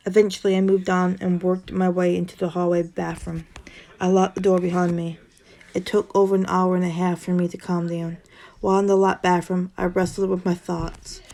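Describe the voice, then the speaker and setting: A woman narrating a first-person horror story in a steady storytelling way, with the odd tongue-tied slip. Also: lowish voice, vocal fry.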